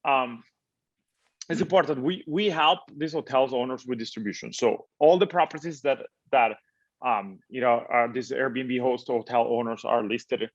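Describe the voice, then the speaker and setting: A man from Italy, founder and interview guest, answers in a halting way, full of fillers and repeated words. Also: mid-range voice. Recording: slightly dull, lo-fi audio.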